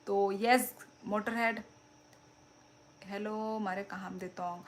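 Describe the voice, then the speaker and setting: A woman's voice: medium pitch, steady tone, slow pace, slight background noise. A young woman hosting a casual live stream, chatting and laughing as she reads out and answers viewer comments. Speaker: livestream host.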